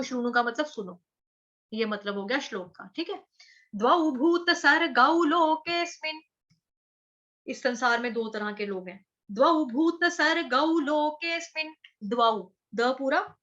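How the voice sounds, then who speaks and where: Bright high-voiced teacher woman. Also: dull audio. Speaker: Sanskrit recitation teacher for children. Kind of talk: online chanting lesson, explaining word by word.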